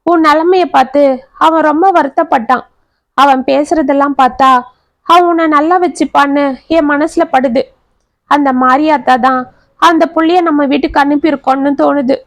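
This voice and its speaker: A woman's voice: high voice, steady tone, moderate pace, no room sound. A woman storyteller voicing an aging, grieving father who speaks tenderly to his daughter. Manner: tender, tearful.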